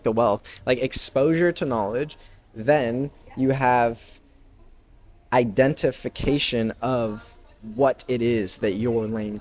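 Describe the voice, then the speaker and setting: A man in his twenties, a podcast guest who runs a branding business, speaking in a casual conversational way that is full of "like" and "right?". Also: medium pitch. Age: 20s. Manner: filler-heavy, frequent "like" and "right?" tags.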